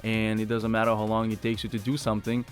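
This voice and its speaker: A man's voice: fairly low pitch, monotone, quick pace, soft background music. A young man, a basketball player talking casually in a radio interview, stumbling and restarting often. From Lithuania. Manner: hesitant, many restarts and fillers.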